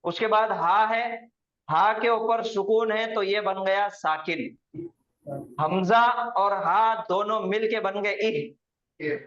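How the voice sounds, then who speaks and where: A male Quranic Arabic grammar teacher explains patiently, step by step, and drills pronunciation by slowly repeating words for his students. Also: high-pitched, fairly bright tone. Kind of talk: classroom lesson with students. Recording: roomy, dull lo-fi recording.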